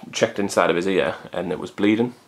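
A brisk, creaky, low-pitched male voice belongs to a vlogger chatting to camera. He rambles casually into his camcorder's built-in mic while sitting in a hot room at home.

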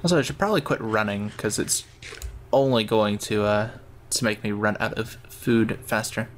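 A man's voice: lowish voice, normal speed, slight background noise. A man giving casual gameplay commentary, thinking aloud in a rambling way. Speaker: gamer narrating his own play.

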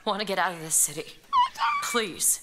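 A woman's voice: fairly low pitch, normal speed, very noisy, close to an everyday voice. An actress playing a curious, earnest young woman companion in a game. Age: young adult.

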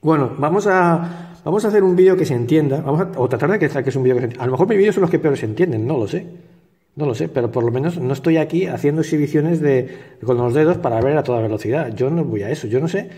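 Chuckling Spanish man, mellow, reverberant. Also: on the high side, expressive, fast. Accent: Spain Spanish. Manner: chuckling, sardonic, rambling with many restarts. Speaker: puzzle cube tutorial host. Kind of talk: casual rambling tutorial talk.

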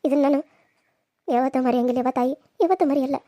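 A woman's voice: sits high, steady tone, brisk, mellow, no echo, lightly acted. Woman doing a wounded old village grandmother. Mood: scolding. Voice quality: rustic, lamenting and reproachful. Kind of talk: cartoon serial voice acting.

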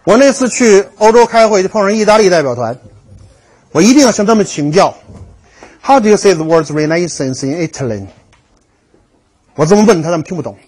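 A man's voice: high-pitched, expressive, fast talker, a little mellow, husky. A man giving a history lecture to a class, telling stories with jokes and acting out the dialogues. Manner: storytelling, jokey, acts out dialogues.

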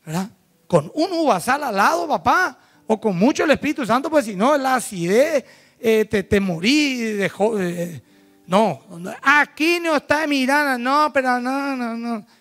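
A man from Paraguay, preaching a sermon and acting out quick mock dialogues. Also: very high-pitched, lively intonation, a bit bright, faint music behind. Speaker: pastor.

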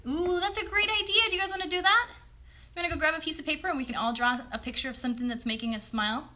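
A woman in her thirties hosts a puppet show, chatting casually and encouragingly with children, asking simple questions and offering praise. Her voice is high-pitched and sharp, and she talks very fast. The recording was made in a bedroom at home on a phone placed a short distance away.

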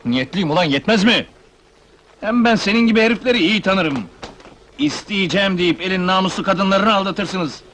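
An actor playing a hot-headed young minibus driver, blustering and threatening, in a 1970s film. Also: male voice, sits high, normal speed, a bit bright, a little hiss or hum. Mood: raging. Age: young adult. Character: hot-headed young neighborhood ladies' man.

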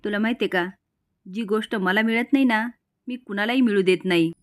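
A woman's voice: mid-range voice, a little fast, natural voice. Charu, a woman reading a cruel, possessive young woman. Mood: boastful. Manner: threatening, boastful.

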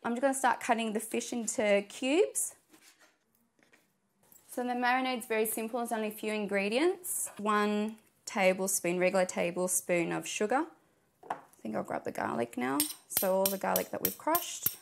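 A chatty Australian woman, a cooking show contestant, explains things casually while cooking in her home kitchen and later in a restaurant kitchen. Her voice is medium-pitched, moderately paced and creaky, with frequent fillers.

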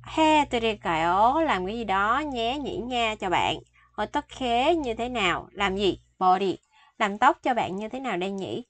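A woman's voice: on the high side, no room sound. A Vietnamese-speaking woman teaching Korean phrases, explaining each word patiently and repeating the sentences. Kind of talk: bilingual vocabulary lesson.

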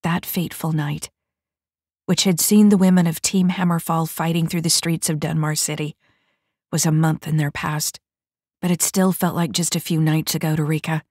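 Woman, audiobook narrator, low voice, steady storytelling, dry close sound. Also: normal speed, breathy edge, no echo.

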